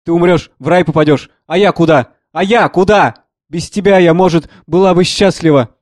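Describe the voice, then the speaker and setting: A man's voice: fairly high pitch, moderate pace, darkish tone, no room sound, studio quality, natural voice. A man voicing a tearful, resentful middle-aged wife and mother who pleads and accuses. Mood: distraught.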